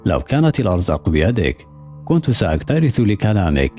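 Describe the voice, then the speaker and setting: A man's voice: lowish voice, very animated, brisk, darkish tone, faint music behind. A man doing a defiant, mocking woman. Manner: sarcastic.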